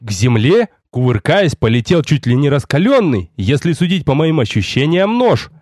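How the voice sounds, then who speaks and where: A man narrating a first-person fantasy audiobook in an expressive storytelling manner. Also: fairly high pitch, moderate pace, dry recording, clean studio sound. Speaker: audiobook reader.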